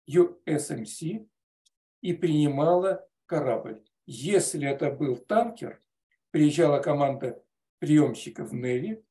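A man's voice: a little high, dark tone. An older man lecturing on a video call from home, giving plain, emphatic answers. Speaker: guest lecturer.

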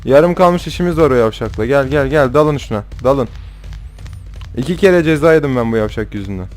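A young man narrates his own gameplay in a loose let's-play style, getting rowdy, swearing and trash-talking the characters on screen. His voice is medium-pitched with a darkish tone, lively intonation and a slightly quick pace. Faint music plays in the background.

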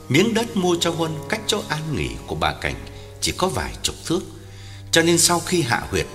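Brief: male storyteller, ghost story, very lively pitch, hall reverb with music beneath. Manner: dramatic, highly varied intonation.

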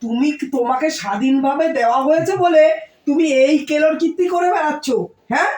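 A woman playing a strict middle-aged mother who nags and scolds her daughter, hoarse from a cold, with a Kolkata Bengali accent. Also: sits high, fairly even intonation, brisk, a little mellow, natural voice. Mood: scolding. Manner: scolding, nagging, raised voice. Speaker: mother in a short family skit. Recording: echoey room, voice from far off.

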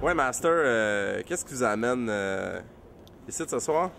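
A man with a Quebec French accent asking questions as an interviewer, hesitant and filling pauses with euh. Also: medium pitch, animated, vocal fry, a bit bright, slight background noise.

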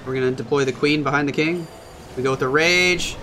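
A man casting a competitive mobile strategy match as solo play-by-play commentary, reacting quickly and excitably. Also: fairly high pitch, a little hiss or hum. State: hiccups. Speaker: esports caster.

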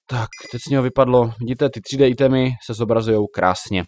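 A young man giving casual, chatty commentary while showing a game, now and then reacting loudly to in-game creatures. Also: mid-range voice, slight background noise. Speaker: Minecraft YouTuber.

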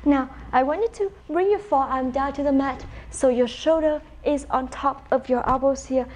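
A woman's voice: sits high, moderate pace, darkish tone, slight background noise. A young woman instructing a mat workout, giving directive cues and counts in an encouraging way. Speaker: pilates instructor. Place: bright room at home with wooden floor, indoors.

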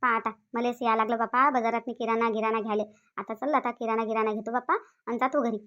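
A woman's voice: fairly high pitch, level tone, fairly bright tone, lo-fi sound, close to an everyday voice. Woman doing a bossy old village aunt. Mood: grumbling. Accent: Vidarbha Marathi. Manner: scolding, reassuring, drawn-out rural chatter. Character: bossy elderly village aunt, protective and fussy. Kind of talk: cartoon voice acting.

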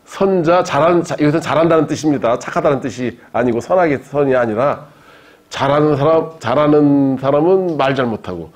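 Guy lecturing to a room, kinda high voice, husky, cracks jokes and chuckles at his own stories. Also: brisk. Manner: lively, joking storyteller who laughs along with his own anecdotes. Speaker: philosophy professor lecturing. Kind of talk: university-style public lecture. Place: lecture room with a live audience.

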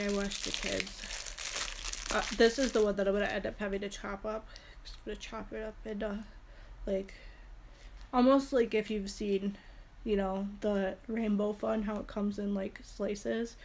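Filming a product haul on a phone camera held close in a small room, a young beauty vlogger with a head cold and blocked nose rambles chattily, filling gaps with fillers. Her medium-pitched voice is gravelly with a darkish tone, and there's a little hiss or hum.

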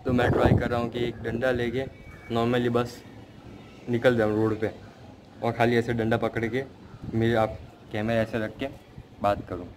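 A young man from India vlogging outdoors, rambling and self-critical, mixing English into his talk, with loud wind on the phone mic. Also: mid-range voice, monotone, normal speed, long pauses. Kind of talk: casual vlog chat. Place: outdoors by a road, wind blowing. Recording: loud wind and street noise.

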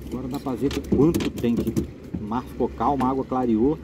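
A man's voice: medium pitch, fairly even intonation, brisk. A middle-aged man hosting a fishing vlog from a small boat at sea, chatting casually and joking as he narrates each catch. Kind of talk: casual chat while fishing. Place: small open boat on the sea by a rocky coast, outdoors. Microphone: action camera on the boat. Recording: outdoor boat recording with wind and water noise.

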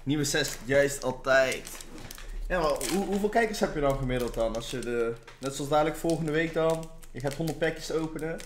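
A man's voice: a little high, moderate pace. A man chatting casually with slangy banter. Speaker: co-host chatting along. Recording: roomy echo, faint background noise.

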